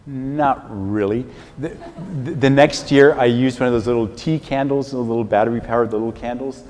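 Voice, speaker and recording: An older man, a priest, giving a relaxed, conversational homily with chuckling, self-deprecating stories. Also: mid-range voice, moderate pace. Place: large church. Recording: reverberant church hall.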